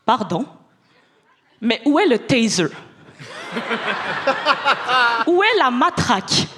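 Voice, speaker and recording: Woman, Quebec French accent, young adult, high voice, lively stand-up storyteller, stage mic. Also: extremely slow, slight background noise. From Montreal. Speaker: stand-up comedian. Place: comedy club stage with audience. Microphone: handheld stage mic.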